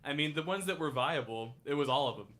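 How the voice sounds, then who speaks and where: A man in his thirties, a musician guest talking casually, often halting and restarting. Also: on the high side, animated, fairly bright tone. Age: 30s. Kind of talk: casual chat.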